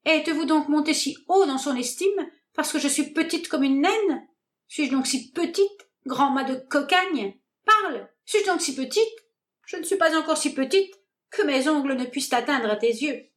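A woman's voice: sits high, lively intonation, normal speed. A woman voicing a small, fiery young woman jilted in love, theatrical and full of indignant questions, in a read-aloud stage comedy. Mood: outraged.

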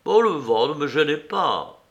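A man playing an indignant arrested gentleman. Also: on the high side, very animated, unhurried, highs cut off, full character voice. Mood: evasive. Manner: indignant, restrained anger.

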